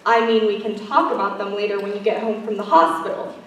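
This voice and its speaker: A woman's voice: medium pitch, level tone, fast, fairly bright tone, natural voice. A woman playing a pressing, disbelieving daughter. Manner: pressing, incredulous questions. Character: middle-aged daughter, pressing and incredulous. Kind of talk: stage play acting. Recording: echoey stage miked from far off, faint noise.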